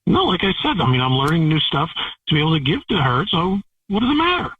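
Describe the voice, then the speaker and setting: High, husky man on a tinny phone line. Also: big pitch swings, quick pace, no room sound, distant mic. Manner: defensive, stammering denials. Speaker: caller being confronted on a radio prank call. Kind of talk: phone call on a radio show.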